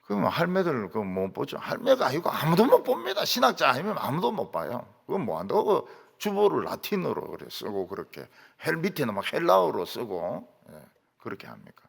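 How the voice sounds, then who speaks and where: A middle-aged male pastor preaching a sermon, quizzing his congregation and swinging between loud and soft. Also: a little high, huge pitch swings, fairly quick, creaky, husky. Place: church sanctuary. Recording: long hall reverb.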